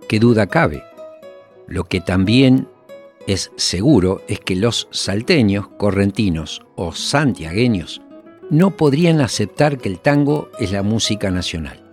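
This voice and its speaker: Male narrator, scripted and reflective, faint music bed underneath. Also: on the low side. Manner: measured, reflective, rhetorical questions. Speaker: documentary narrator.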